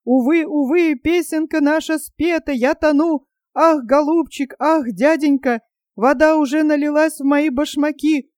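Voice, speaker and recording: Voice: high voice, fairly even intonation, a little slow, a little mellow, dry recording, clean studio sound, voice pushed up. A reader voicing a cowardly man who wails and stammers in terror during a storm at sea. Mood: terrified. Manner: wailing, stammering, whimpering.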